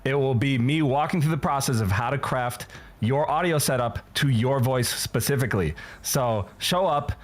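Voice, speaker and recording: A man from California, a guest talking in a measured, explanatory way in a casual chat. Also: medium pitch. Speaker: guest, audio engineer.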